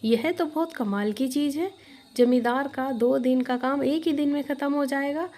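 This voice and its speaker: A woman's voice: high-pitched, moderate pace, a little mellow, voice pushed up. A woman doing a sly gloating male tailor. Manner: sly chuckling, boastful.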